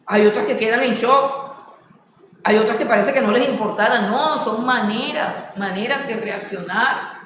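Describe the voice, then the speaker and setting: A woman with a Colombian Caribbean accent teaching a Bible class, animated, acting out quotes with laughter. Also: on the high side, moderate pace. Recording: echoey hall, voice from far off, noisy.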